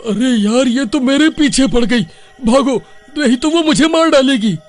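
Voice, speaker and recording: Jittery young villager. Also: male voice, extremely high pitch, animated, measured pace, soft background music. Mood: scared. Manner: panicky, casual slang.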